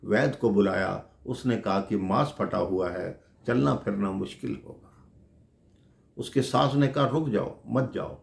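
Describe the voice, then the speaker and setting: A man's voice: on the low side, a little slow, creaky. A man telling a devotional story, addressing listeners affectionately as brothers and sisters. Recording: echoey room.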